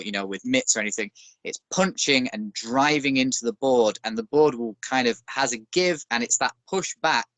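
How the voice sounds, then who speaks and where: A man's voice: mid-range voice, fairly bright tone, no room sound. A man in his thirties from Northern England with a Northern English accent, a bare knuckle boxer chatting as a guest with dry, self-deprecating humor. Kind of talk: casual interview chat.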